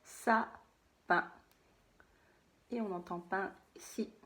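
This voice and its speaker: A woman teaching a phonics lesson to young children, saying words slowly and repeating them, sometimes in a whisper. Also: on the low side, expressive.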